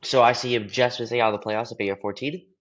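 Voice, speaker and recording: A man's voice: mid-range voice, fairly even intonation, fast, a bit bright. A young man with a stuffy nose from allergies, co-hosting a casual sports talk show and earnestly searching for his words. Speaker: podcast co-host. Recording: dull lo-fi audio.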